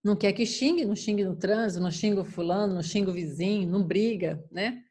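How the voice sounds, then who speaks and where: A woman's voice: mid-range voice, quick pace, darkish tone. A woman giving an informal talk on raising children, often acting out what parents and children say. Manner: acts out parents and children in quoted lines. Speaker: parenting educator.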